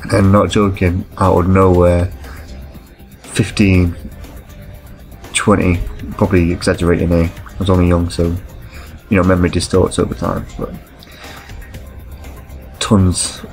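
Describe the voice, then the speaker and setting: Low-voiced man rambling. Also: a little mellow, poor audio. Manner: rambling, anecdotal, self-correcting. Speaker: gameplay commentator. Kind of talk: casual storytelling over gameplay.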